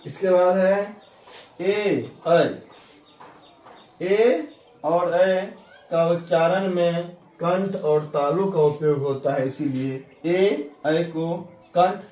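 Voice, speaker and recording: A man teaching a grammar lesson, sounding out letters one by one in a slow, deliberate way. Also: on the high side, a little mellow. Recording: echoey room with faint ambient noise.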